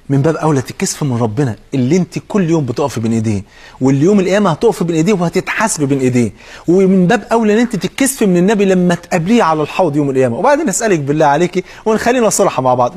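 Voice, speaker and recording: Egyptian-accented man, preacher, sermon, husky voice, very fast delivery, asks the listener questions. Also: a little high, darkish tone.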